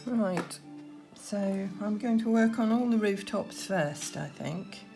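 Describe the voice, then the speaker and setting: A woman giving gentle, unhurried painting instruction, talking through her work as she goes, with trailing pauses. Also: mid-range voice, lively intonation, gravelly, music in the background. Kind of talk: unscripted painting demonstration, talking while working.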